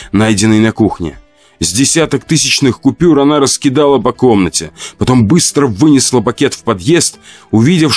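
A man reading a first-person horror story aloud, expressive and dramatic. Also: medium pitch, dry recording. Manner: expressive, acts out shouts and laments. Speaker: audiobook narrator.

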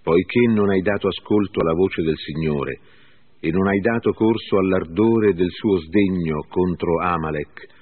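A man's voice: deep voice, breathy edge. A man voicing the spirit of an old prophet, in a grave stern reading. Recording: phone-like lo-fi with faint music.

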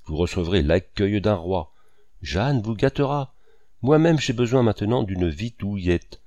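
A man's voice: on the low side, expressive, measured pace, dark tone, no room sound. A man voicing a boastful, exuberant male painter who talks grandly and at length. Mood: jovial. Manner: grandiose, voluble.

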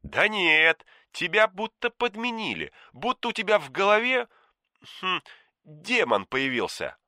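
A man's voice: high-pitched, huge pitch swings, unhurried, sharp tone, dry recording, studio quality, pitched above the performer's own voice, full character voice. A man voicing Anton, a cocky, touchy young man who talks in a chatty, sly way. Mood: teasing. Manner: chatty, sly, easily offended. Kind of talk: audiobook character voice.

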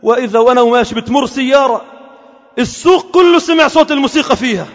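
A bashful older man murmurs low and embarrassed, as a preacher puts him on. His voice sits high. It rings through a large, reverberant mosque hall. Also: fast talker, dull audio. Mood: sheepish. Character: sheepish older man, shy and hushed.

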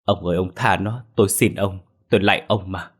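A man's voice: deep voice, steady tone, brisk, husky. A man voicing an anxious older mother who pleads and wails for her daughter. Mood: pleading. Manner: pleading, wailing.

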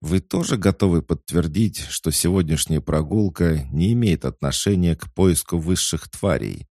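A man voicing an angry, sharp-tongued young woman mage who speaks in accusing, threatening tones. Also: a bass voice, expressive, measured pace, dry recording, clean studio sound, voice pushed up, full character voice.

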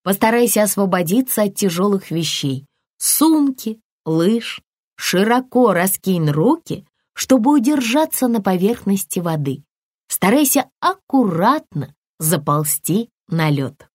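A woman narrating a children's audiobook in an expressive storytelling voice, recorded on a close microphone. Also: unhurried, no echo. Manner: expressive storytelling with lively pitch.

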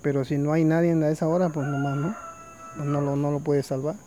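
A man's voice: a little high, level tone, brisk, mellow, faint music behind. A man telling traditional folk tales in a loose, conversational way, full of fillers. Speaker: storyteller. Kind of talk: oral folk storytelling.

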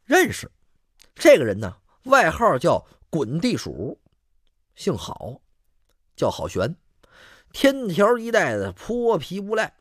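A man's voice: on the high side, dry recording, clean studio sound. A man telling a traditional story in a vivid, rhythmic, dramatic way.

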